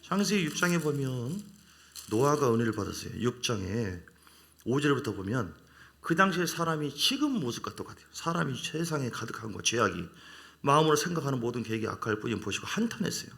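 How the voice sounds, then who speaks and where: A man with a Jeolla Korean accent preaching a sermon, his voice gravelly and creaky. His pitch swings widely as he acts out the voices of the people in his story. A pastor holding his congregation's attention. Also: very animated, fairly quick, fairly bright tone.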